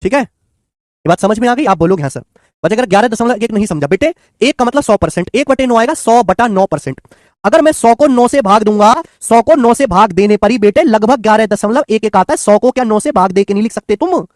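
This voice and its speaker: A man's voice: high voice, animated, brisk, darkish tone, no echo, studio quality. A man teaching math in an online exam-prep lecture, coaxing and repetitive, calling his students children and friends.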